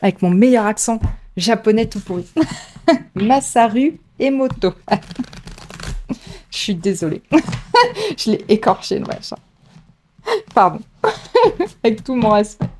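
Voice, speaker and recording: A woman reads tarot cards for her audience in casual, unscripted style chat. She is talkative and warm in a homemade way, filling pauses with little fillers and light self-mockery. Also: fairly high pitch, very animated, slight background noise. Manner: chatty, laughs at herself, many fillers. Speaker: tarot reader. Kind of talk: casual tarot reading to camera.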